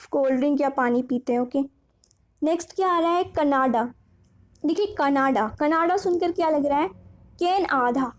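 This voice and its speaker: A woman's voice: high voice, darkish tone. A woman teaching memory tricks for an exam, chatty and repetitive, asking questions and answering them herself.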